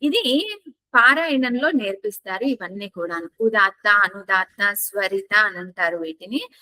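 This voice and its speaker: Bright-voiced woman teaching slow chant. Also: mid-range voice, expressive, no room sound. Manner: chants verses slowly and repeats them, then explains each tone mark. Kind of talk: class on reciting a scripture with its commentary.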